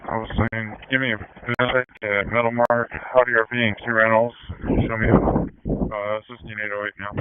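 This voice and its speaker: A man's voice: lowish voice, level tone, moderate pace, few pauses, clear, resonant tone, no room sound. Man calling in over police radio. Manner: terse radio codes. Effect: police radio transmission. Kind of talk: radio call. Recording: tinny scanner radio channel.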